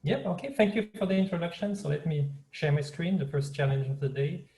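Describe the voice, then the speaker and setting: A man's voice: fairly high pitch, brisk, warm tone, low-quality recording. Swiss French-accented man lecturing online. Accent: French-speaking Swiss. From Switzerland. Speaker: guest professor speaker. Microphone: video call.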